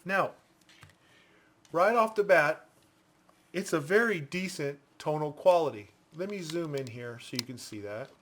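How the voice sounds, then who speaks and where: A man giving a casual product review in a deliberate, explanatory manner. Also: a little high, lively intonation, fairly bright tone.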